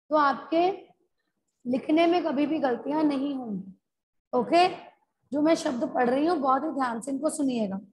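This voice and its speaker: A woman teaching a Hindi revision class. She stretches out key words slowly, calls her students "beta" and mixes English words into her Hindi. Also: sits high, a little hiss or hum. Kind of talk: online class revision lesson.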